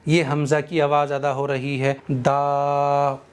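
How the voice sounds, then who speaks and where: A man teaching a Quran recitation lesson, explaining patiently step by step and slowly drawing out the recited examples. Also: fairly high pitch, flat delivery, smooth. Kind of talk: tajweed lesson.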